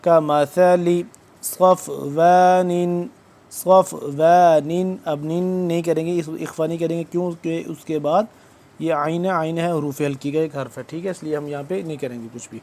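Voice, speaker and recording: A man teaching recitation, his voice sitting a little high and staying level. He draws the recited words out slowly and then explains the pronunciation rules in brisk, even speech, close to the mic. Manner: alternates slow drawn-out recitation with quick spoken explanations. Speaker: Quran tajweed teacher. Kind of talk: word-by-word recitation lesson.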